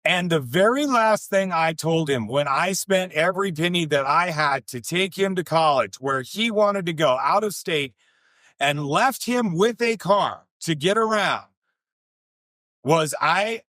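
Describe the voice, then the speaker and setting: Slow, earnest middle-aged man telling a story. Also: a little high, lively intonation, fairly bright tone, no room sound, studio quality. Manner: earnest, emphatic repetitions, slow deliberate pauses, occasional swearing. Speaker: podcast speaker. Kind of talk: personal storytelling monologue.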